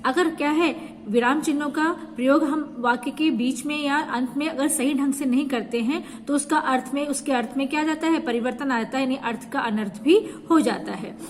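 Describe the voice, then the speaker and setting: A woman's voice: sits high, a little fast. A woman teacher explaining a grammar lesson to students, asking herself questions and answering them as she goes. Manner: explains step by step with repeated rhetorical questions. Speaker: school teacher. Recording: echoey room with faint background hiss.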